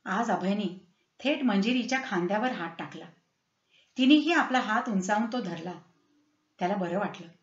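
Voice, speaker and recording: A woman reading a story aloud in a lively, dramatic way, slipping into character voices. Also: mid-range voice, normal speed, long pauses. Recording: roomy, slightly dull recording.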